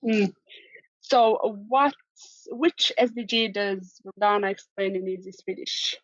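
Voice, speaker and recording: A woman hosting a casual online quiz over a video call, playful, reading her clues slowly and clearly. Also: mid-range voice, no echo. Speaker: quiz host. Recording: dull lo-fi video call audio.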